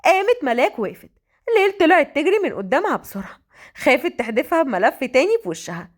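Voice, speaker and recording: A woman with an Egyptian accent narrating a romance story in a brisk, dramatic manner. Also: sits high, sing-song. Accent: Egyptian Arabic.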